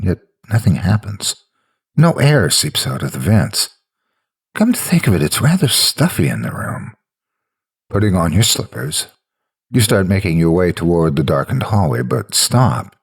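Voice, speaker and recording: Deep, gravelly, haunting male horror narrator. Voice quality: gravelly, husky. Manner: low haunting voice, suspenseful. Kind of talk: scripted dramatic narration of a scary story.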